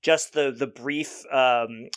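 A man's voice: mid-range voice, steady tone, takes it slowly, fairly bright tone. A man in casual podcast chat, talking hesitantly with lots of "like" and laughing often. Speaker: podcast co-host.

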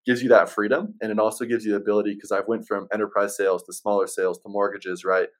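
Lower-voiced easygoing salesman. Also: little pitch movement, fast talker. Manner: easygoing, salesman-like explaining, says man and right often. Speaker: software sales rep as interview guest. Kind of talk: casual chat.

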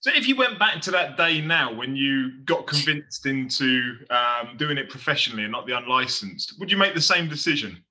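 A man interviewing a guest, asking measured, hedging questions. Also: medium pitch, lively intonation, pushed and bright.

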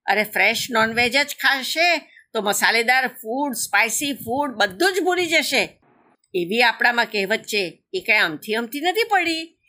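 A jolly papa crow from a children's tale coaxes and teases in a lifted, bright voice, played by a woman storyteller. He talks in a playful, cajoling way. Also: lively intonation, a little slow. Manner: cajoling, teasing, higher than her narration. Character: jovial, wheedling father crow.

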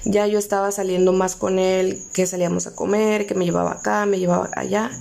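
A woman's voice: mid-range voice, flat delivery, fairly quick, creaky, a little mellow. A young woman with a Mexican accent, candidly telling her own story as host and reporting conversations word for word. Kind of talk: personal storytelling.

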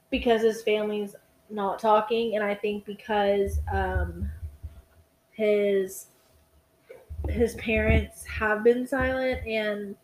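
On a casual true-crime podcast, a tired young co-host with a medium-pitched voice yawns, rambles, swears, and restarts her sentences, with background noise audible.

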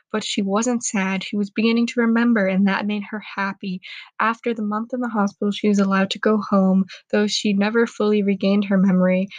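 A woman's voice: mid-range voice, no echo, low-quality recording. A young woman reading her own book aloud, telling it dramatically and stopping now and then to comment on it with amusement. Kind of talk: casual reading aloud with asides.

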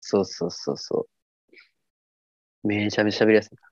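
A man's voice: fairly low pitch, steady tone, dry recording, muffled recording. Joking Kansai man on a podcast. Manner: joking, teasing, quick comebacks. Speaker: podcast co-host. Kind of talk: casual comedic chat.

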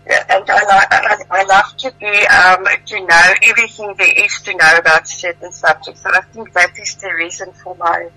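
A woman's voice: mid-range voice, steady tone, normal speed, few pauses, bright, forceful tone, low-quality recording. A woman artist being interviewed on radio, chatty and searching for words with frequent restarts. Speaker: artist guest.

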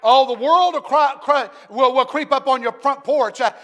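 A man preaching a Pentecostal sermon as pastor, swinging from hushed talk to shouted preaching. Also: extremely high pitch, normal speed. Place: large church sanctuary. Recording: long hall reverb.

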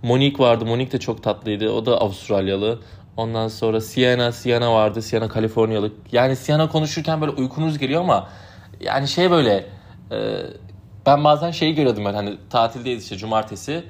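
A man's voice: mid-range voice, fast talker. A young man, a native Turkish speaker, casually recounting his summer as a camp counselor in a rambling, chatty way full of fillers. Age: young adult. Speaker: podcast host. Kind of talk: casual storytelling.

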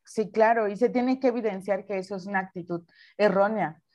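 A young woman with a Mexican Spanish accent, co-hosting a casual podcast chat and telling animated stories with acted-out quotes. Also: medium pitch, brisk. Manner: animated storytelling, acts out quotes. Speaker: podcast co-host.

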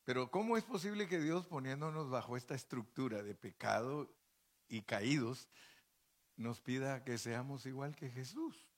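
A man's voice: mid-range voice, animated, moderate pace. A male pastor preaching a sermon in a folksy, joking way, full of rhetorical questions and asides to the congregation.

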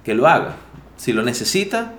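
A man's voice: mid-range voice, sing-song, moderate pace. A man co-hosting a casual podcast, swinging between teasing jokes and earnest advice. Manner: joking, then earnest advice-giving. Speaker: podcast co-host. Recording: echoey room.

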